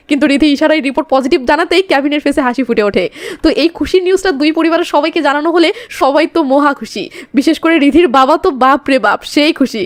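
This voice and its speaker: A woman's voice: high-pitched, dry recording. A woman recapping a movie in a chatty storytelling way, with playful asides. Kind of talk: casual storytelling narration.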